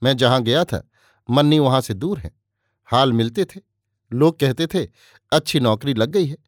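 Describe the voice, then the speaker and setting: A patient young village man who speaks gently and respectfully, as a male narrator voices him. His voice sits at an ordinary middle pitch. The recording is dry and close. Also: lively intonation, moderate pace, no echo, close to an everyday voice. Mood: reassuring. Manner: gentle and reassuring.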